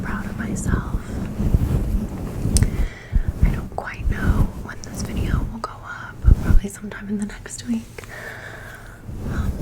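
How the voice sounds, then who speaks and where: A woman whispers unvoiced ASMR chat right into a close microphone with a fluffy cover. Her delivery is slow and drawn out, and she lingers on repeated words. Her voice sits at a middling pitch beneath the hush. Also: poor audio. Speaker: ASMR channel host.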